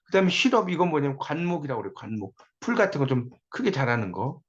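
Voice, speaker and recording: A man's voice: fairly high pitch, big pitch swings, quick pace, a bit bright. Man lecturing on a dull lo-fi recording. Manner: conversational, repeats words to drill them.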